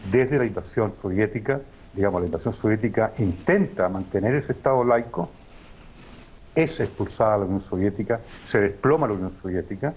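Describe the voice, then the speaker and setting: On a talk show, a guest analyst with a mid-range, slightly mellow voice delivers an emphatic, professor-like analysis broken by frequent hesitations. The sound is lo-fi, with a little hiss or hum.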